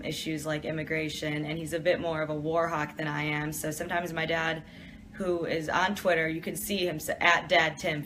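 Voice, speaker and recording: Background noise accompanies this young woman from Detroit, USA, whose voice is deep. She's in an office on a live stream, casually reading out and answering viewer questions.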